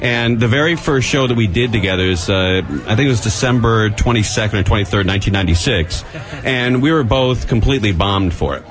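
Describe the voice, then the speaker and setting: A man's voice: fairly low pitch, fairly quick. A man hosting a radio show in casual banter, joking and teasing as he talks.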